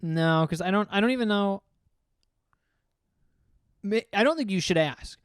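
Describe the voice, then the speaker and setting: A man's voice: high-pitched, lively intonation, a little slow, clean tone, dry recording, studio quality. A young man co-hosting a podcast, joking and blunt in casual chat. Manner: joking, blunt, swears freely. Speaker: podcast co-host.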